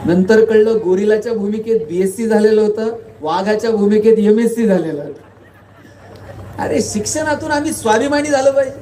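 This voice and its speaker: A man's voice: sits high, normal speed, mellow. A man giving a motivational speech at a school function, telling humorous anecdotes and firing rhetorical questions at the audience. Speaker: guest speaker. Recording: echoey hall, voice from far off, faint noise.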